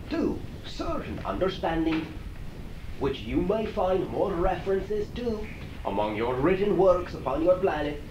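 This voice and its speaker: During a question-and-answer channeling session, a man answers audience questions while voicing an alien being in a high-pitched, assured, teacherly manner. He speaks in deliberate, halting phrases with formal, stilted wording. The recording comes from an echoey room on a noisy old cassette with a distant mic.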